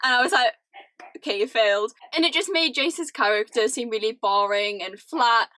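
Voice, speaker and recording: A young British woman ranting casually to camera, animated and laughing often, with lots of "like". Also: fairly high pitch, normal speed, no echo. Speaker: vlogger. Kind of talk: casual chatty rant to camera.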